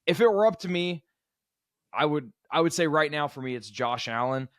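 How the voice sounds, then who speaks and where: A young man chatting on a sports podcast with a slightly high, bright-sounding voice. He is animated and laughs a lot, cutting himself off mid-thought. The close mic sounds dry, with no room echo. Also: normal speed. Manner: animated, laughs often, self-interrupting. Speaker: podcast co-host. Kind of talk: casual sports podcast banter.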